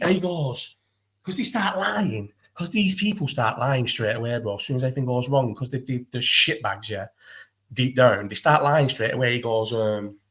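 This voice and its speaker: A man telling a story in casual chat. He rattles along very quickly, swears freely and keeps restarting his sentences. His voice sits at an ordinary pitch for a man. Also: pushed and bright. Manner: fast, sweary and rambling, with many restarts. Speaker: guest.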